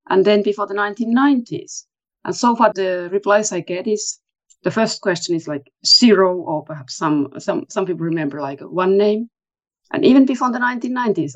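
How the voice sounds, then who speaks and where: A woman academic, a guest on an interview podcast, speaking in a measured, thoughtful way. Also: medium pitch. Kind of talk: interview conversation.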